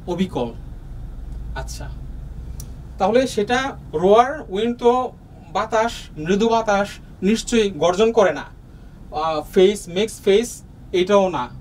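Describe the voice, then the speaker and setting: Slow, patient Bangladeshi man teaching. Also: high-pitched, far from the mic, poor audio. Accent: Bangladeshi Bengali. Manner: slow, patient, with many pauses and fillers. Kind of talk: explaining a lesson to young students. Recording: voice from off the mic, faint room noise.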